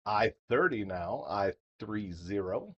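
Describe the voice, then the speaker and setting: Slow, lively bingo caller man. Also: on the low side, muffled recording. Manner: playful, repeats each call in drawn-out fashion. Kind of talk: bingo caller announcing numbers with rhymes and repeats.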